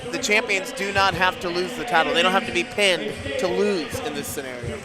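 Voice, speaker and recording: A man's voice: high voice, a little fast, a loud crowd. A man giving live wrestling commentary in an emphatic, explanatory way. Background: music.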